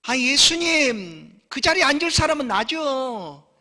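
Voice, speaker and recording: A man's voice: extremely high pitch, big pitch swings, a little slow, sharp tone, pitched above the performer's own voice, exaggerated voice. A man voicing eager male disciples who insist they have earned a reward. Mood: insistent. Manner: insistent, self-assured.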